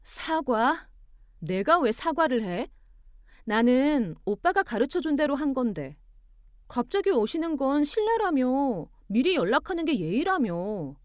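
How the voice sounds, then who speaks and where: A woman voicing a composed young wife who argues back calmly and pointedly. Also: high voice, measured pace, no room sound, clean studio sound, pitched above the performer's own voice. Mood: cool firm. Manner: calm, pointed, arguing with cool logic.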